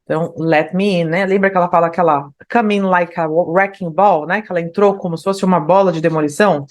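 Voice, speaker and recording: A woman's voice: lowish voice, fairly even intonation. Brazilian woman teaching English. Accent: Brazilian Portuguese. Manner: explanatory, tags phrases with "né?"; slows down to read lyrics aloud. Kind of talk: online language lesson.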